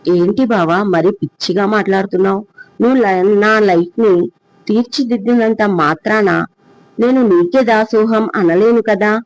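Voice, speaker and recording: A woman's voice: medium pitch, normal speed, a little mellow, dry recording, lightly acted. A storyteller voicing a stubborn young woman who curtly waves off her suitor, on a dull, dry recording. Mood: breezy.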